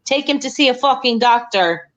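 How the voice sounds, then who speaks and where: A woman co-hosting a casual commentary chat, emphatic and quick to swear. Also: high-pitched, animated. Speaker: co-host guest. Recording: dull lo-fi audio.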